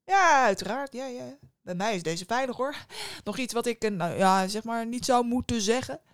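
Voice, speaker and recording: A woman's voice: on the high side, expressive, normal speed, clear, resonant tone, no room sound, clean studio sound, pitched above the performer's own voice. A woman doing a shifty, fawning innkeeper. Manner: hesitant, full of ums, overly agreeable. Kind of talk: storybook voice acting.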